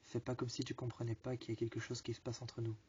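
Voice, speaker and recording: A man voicing a weary, impatient young man in a spoken story, in a soft, sighing delivery. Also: medium pitch, flat delivery, normal speed, a little hiss or hum, close to an everyday voice. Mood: weary teasing. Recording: dull lo-fi recording.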